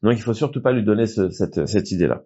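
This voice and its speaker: A man's voice: fairly low pitch, animated, fast talker, dark tone. A man teaching a Talmud class who reads short phrases aloud and then explains them, with frequent restarts. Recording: dull lo-fi recording.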